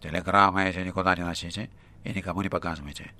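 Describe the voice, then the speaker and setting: A man's voice: steady tone, very fast, bright, forceful tone. A man voicing a nasty anonymous male caller with a revolting nasal voice who coldly gives orders. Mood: sneering menace. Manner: sneering, low and cold.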